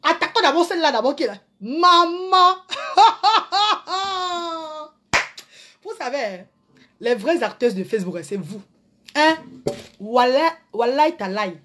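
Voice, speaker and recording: A woman doing a live rant to her followers, theatrical, slipping into mock crying and swinging from loud outbursts to hushed asides. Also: on the high side, animated, brisk. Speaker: social media personality.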